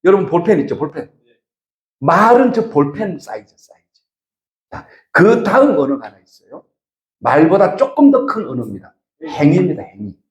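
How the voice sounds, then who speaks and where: A man lectures a live audience in an animated storytelling manner and keeps putting questions to them. His voice sits high and swings widely in pitch. The sound is roomy and echoey. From Gyeongsang region, South Korea.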